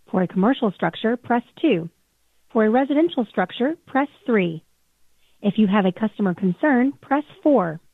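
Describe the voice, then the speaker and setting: A woman's recorded phone menu message, read out in a measured, polite, scripted way. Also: on the high side, no room sound. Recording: tinny phone line, dry.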